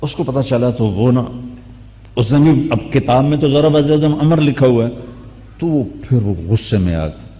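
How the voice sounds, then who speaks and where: Man, sermon, storytelling with acted-out dialogue, long hall reverb. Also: mid-range voice. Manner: storytelling with acted dialogue, rising to animated outbursts. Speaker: Islamic preacher.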